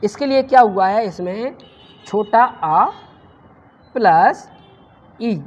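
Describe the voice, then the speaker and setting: A woman's voice: medium pitch, lively intonation, darkish tone. Female Sanskrit teacher, classroom lecture, quizzing style, muffled lo-fi recording. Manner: quizzes the class and answers her own questions; drawn-out sounds in demonstrations. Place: classroom with students present. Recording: muffled lo-fi with faint noise.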